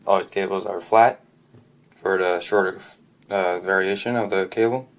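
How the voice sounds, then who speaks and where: A man's voice: low voice, steady tone, vocal fry. A man narrating an unscripted product review off the cuff, often stopping to restart and correct himself mid-sentence. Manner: halting, frequent restarts and self-corrections.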